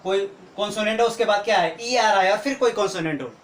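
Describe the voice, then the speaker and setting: This male English teacher speaks quickly in a voice that sits high, guiding viewers through a video lesson step by step. Rhetorical questions come up often. The recording has an echoey room sound and a bit of faint noise.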